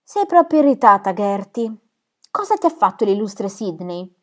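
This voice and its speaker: A woman's voice: medium pitch, very animated, normal speed, close to an everyday voice. A woman reading aloud, voicing a cool young woman with a wry, ironic tone.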